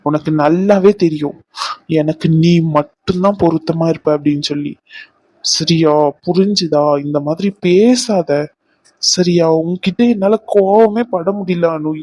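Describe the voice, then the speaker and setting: A man's voice: high voice, darkish tone, no room sound. A man voicing an insistent, devoted young man in a cartoon, demanding answers. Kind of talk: cartoon voice acting.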